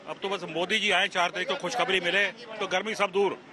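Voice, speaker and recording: Man on the street, high-ish voice, sure of himself, crowd noise. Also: little pitch movement, a little fast. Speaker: passerby interviewed. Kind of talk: street interview.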